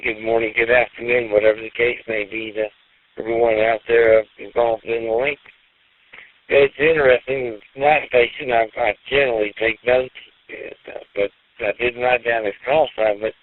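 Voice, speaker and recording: A man from northwest Arkansas checking in on an amateur radio net, polite and a little rambling, heard over a ham radio link with static. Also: mid-range voice. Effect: heard over a ham radio link with static hiss. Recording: tinny radio transmission with faint hiss.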